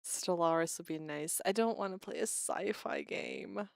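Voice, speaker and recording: A woman's voice: lowish voice, moderate pace, creaky, no room sound, studio quality. A woman streamer chatting casually with her viewers, rambling and restarting her sentences, a little unwell with a cough.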